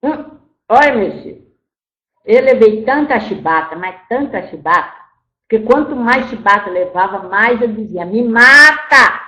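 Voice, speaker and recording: A woman channels the spirit of an aged, formerly enslaved grandmother in a spiritual talk, scolding her listeners before turning to grief. Her voice is on the high side, pushed and bright, with lively intonation at a measured pace, and she keeps saying "my child" in this mournful storytelling. The recording has a roomy echo.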